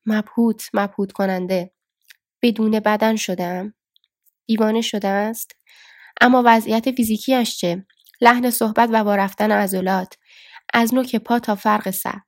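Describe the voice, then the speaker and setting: A woman narrating a book as a steady, scripted audiobook reading. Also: medium pitch, gravelly, no echo, studio quality. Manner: steady storytelling.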